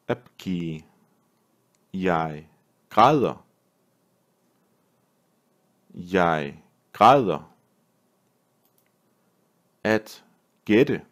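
A man, a language teacher, reading a vocabulary list word by word with pauses and repeating each phrase. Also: deep voice. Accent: Danish. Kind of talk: slow vocabulary drill reading.

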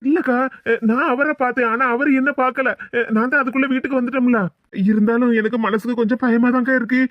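For a cartoon, a woman voices an anxious young man hiding from his feared uncle, using a Tirunelveli Tamil accent and a hesitant delivery with many fillers. Her slightly high voice stays steady and quick, close to an everyday voice, in a dry recording with the highs cut off.

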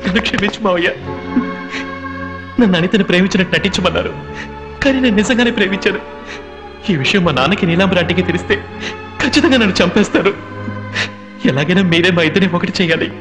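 An actor playing a spoiled young man in a dubbed film drama, who talks in bratty, rushed outbursts. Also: sits high, music in the background, lightly acted. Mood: pleading. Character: spoiled young man, blustering then pleading. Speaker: minister's son, the groom.

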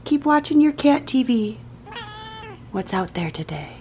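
A woman in her thirties talks casually into her camera in a home kitchen, her pitch jumping all over as she goes. She takes her time and keeps breaking off mid-thought to restart. A faint hiss sits under the voice. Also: sing-song, unhurried, darkish tone. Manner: chatty, self-interrupting, laughs at her own slips. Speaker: cooking vlogger. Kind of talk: casual meal prep vlog. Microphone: camera mic at arm's length and on the counter.

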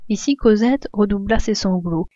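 A woman's voice: mid-range voice, normal speed, no echo, highs cut off. Woman reading a classic novel aloud. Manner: expressive, voicing the characters' shouts. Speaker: reader.

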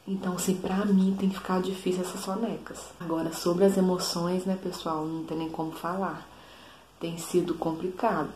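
A young woman with a Brazilian Portuguese accent, chatting casually to camera as a mother vlogger, often asking "sabe?". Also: mellow. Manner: chatty, says "sabe?" often, quotes her toddler in a higher voice. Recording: echoey room with faint background noise.

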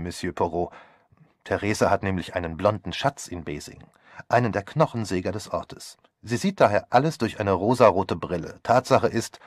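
A glib, mocking young man talks breezily and sardonically in an audiobook, as a male reader puts him on. His voice is lowish, and the recording is close and dry. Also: no echo, close to an everyday voice. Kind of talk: audiobook character voice.

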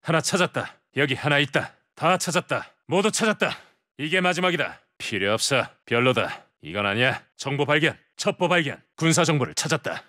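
A man's voice: fairly high pitch, big pitch swings, a little fast, sharp tone, no room sound, studio quality. A man voicing a tough, cocky special-forces soldier, delivering clipped combat callouts as video game voice lines. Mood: terse, quiet. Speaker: military operator.

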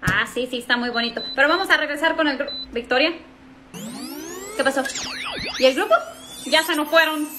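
A young woman carries a comedic sketch in a high voice. She sounds lively and a little exasperated as she reacts to everyone around her. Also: moderate pace, pauses often, noisy background. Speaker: comedic storyteller.

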